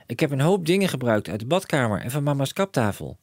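Little boy voiced by a man, raised pitch, hesitant and pleading, storybook read. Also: sing-song, fast, dry recording, clean studio sound. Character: patient young boy, quiet and puzzled.

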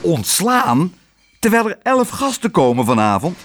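A man's voice: sits high, wildly swooping pitch, a little slow, a bit bright, pitched above the performer's own voice, heavily acted. A man reading a storybook aloud and voicing a nervous, apologetic hotel owner who hesitates. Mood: hesitant.

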